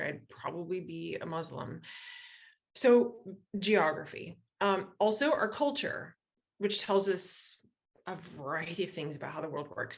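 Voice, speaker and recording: This American-accented woman from western Iowa has a lowish voice with vocal fry. She's a guest lecturer giving an explanatory public talk, keeping it conversational and checking in through rhetorical questions.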